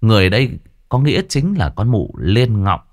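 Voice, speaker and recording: A man narrating a ghost story with dramatic, animated delivery. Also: fairly low pitch, moderate pace.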